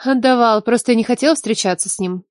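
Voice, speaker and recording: A man voicing a sharp-tongued young woman teacher in an audiobook, cool, curt and sarcastic. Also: very high-pitched, brisk, dry recording, clean studio sound, pitched above the performer's own voice. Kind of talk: audiobook character voice.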